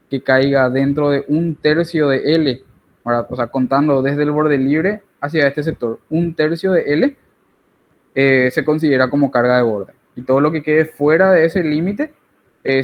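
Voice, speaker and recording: A man's voice: a little high, dull audio. A man giving an online engineering tutorial, explaining while he draws and often checking with tag questions.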